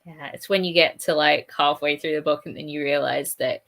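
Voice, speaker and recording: A woman's voice: low-pitched, steady tone, fairly quick, vocal fry, a bit bright. A young woman co-hosting a writing stream, chatting casually and laughing often, with lots of "like". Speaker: co-host. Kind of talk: casual chat during writing sprint.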